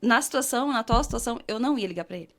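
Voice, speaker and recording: A woman from Brazil earnestly telling a personal faith testimony, slowing down when she reads scripture aloud. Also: a little high, expressive. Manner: earnest, emotional storytelling, slows to read scripture. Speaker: guest sharing her testimony.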